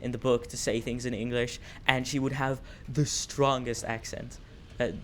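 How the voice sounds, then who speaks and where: A man's voice: medium pitch, flat delivery, normal speed, fairly bright tone, a little hiss or hum. A teenage man from the Netherlands with a Dutch accent, chatting casually in English with many hesitations and restarts. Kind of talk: casual chat.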